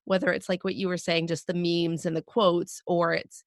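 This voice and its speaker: A woman co-hosting a podcast with a scratchy, raspy voice, hoarse from a cold, explaining points in a relaxed, chatty way. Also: lowish voice, moderate pace, no echo, clean studio sound. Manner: explanatory, laid-back, with frequent fillers. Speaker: podcast co-host. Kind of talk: casual podcast discussion.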